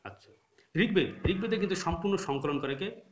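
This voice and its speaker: A man's voice: high-pitched, lively intonation, fairly quick, echoey room, heavy background noise. A man with a Bengali accent teaching history for exam prep. He keeps asking rhetorical questions and answering them himself, and now and then corrects his own slips. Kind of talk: recorded lecture.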